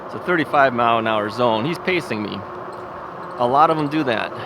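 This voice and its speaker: Speaking fairly quickly in a mid-range voice with lively intonation, a man films a vlog from an ebike cruising suburban streets. His talk to the mounted camera is casual and rambling, full of chuckles and self-directed questions. Wind and traffic sound in the background.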